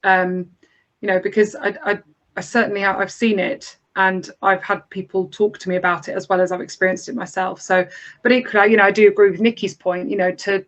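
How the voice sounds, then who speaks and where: A woman speaking on a panel discussion, earnest and animated, building on other points. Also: mid-range voice, brisk, rough recording.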